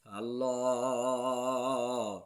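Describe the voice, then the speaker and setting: A man preaching a sermon in a chanting, half-sung style, swinging from loud pleading highs to low drawn-out lines. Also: level tone. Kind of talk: sung Bengali waz sermon.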